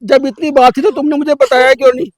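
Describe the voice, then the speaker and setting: A man's voice: extremely high pitch, level tone, quick pace, dry recording. An actor playing a middle-aged, forgiving husband who soothes his wife in a village short drama. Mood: soothing. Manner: soothing, coaxing. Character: forgiving gentle husband, older father. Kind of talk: village short-film acting.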